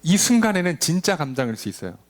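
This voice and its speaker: A male pastor delivering a sermon, urging and questioning the congregation, now and then dropping to a low aside or acting out a quoted line. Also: fast. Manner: animated preaching, drops to a low murmur for emphasis, acts out quoted lines.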